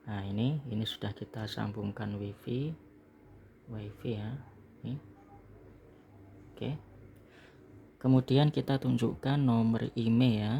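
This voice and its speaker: Slow and mellow, with frequent pauses and a creaky, medium-pitched voice of fairly even intonation, an Indonesian online seller explains a product casually. Recorded indoors in a small room with a little hiss or hum, he narrates packing and reviewing it and keeps ending phrases with "ya."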